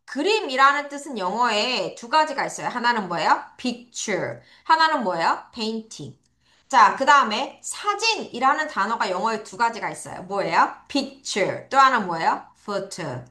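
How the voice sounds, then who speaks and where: In an online lesson, a woman who teaches English at a private academy runs through vocabulary with children, posing questions and answering them herself. She spells words letter by letter and stretches each one out slowly as a model for pupils to repeat. Her voice is a little high, very animated, bright and forceful.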